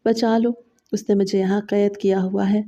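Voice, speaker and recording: A woman voicing a frightened young captive girl who pleads softly through tears, in a dull lo-fi recording. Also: medium pitch, flat delivery, natural voice. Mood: pleading. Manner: soft, tearful pleading.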